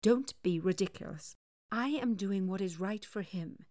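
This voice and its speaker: A woman's voice: mid-range voice, unhurried, warm tone, no room sound, clean studio sound, lightly acted. A woman reading the part of an anxious, stubborn mother in an audiobook, cold and clipped.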